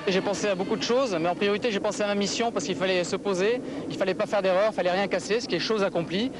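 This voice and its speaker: A man interviewed outdoors speaks in an earnest, rushed way about his mission. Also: high voice, over music. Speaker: interviewee, pilot.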